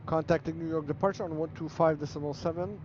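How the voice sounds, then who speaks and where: A man speaks as an airline pilot over a cockpit headset, his voice sitting slightly high. He reads back clearances and calls out checks in clipped, procedural radio phrasing. A steady wash of noise runs behind him throughout. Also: fast talker, muffled recording. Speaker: flight simulator player acting as airline pilot.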